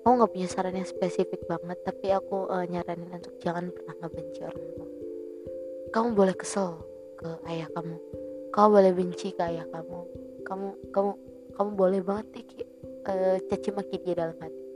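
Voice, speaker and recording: A young woman talks gently and earnestly, as if comforting a listener. Her voice sits somewhat low, and she pauses and restarts often. Music plays clearly behind her. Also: level tone. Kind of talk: casual heartfelt advice to a listener. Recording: music playing loudly behind.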